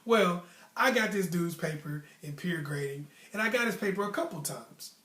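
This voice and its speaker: A young American man, his voice noticeably high and a bit bright, hosts storytelling in a casual, slangy style at normal speed. He's animated, emphatically driving home motivational advice, and the room adds clear echo around his voice.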